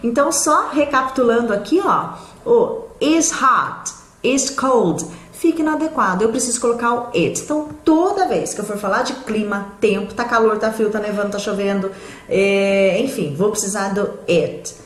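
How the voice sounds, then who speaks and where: A woman's voice: mid-range voice, fairly quick, roomy sound. Patient Brazilian woman teaching English. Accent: São Paulo interior Brazilian Portuguese. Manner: patient and explanatory, with frequent "tá?" check-ins. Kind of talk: live online English lesson.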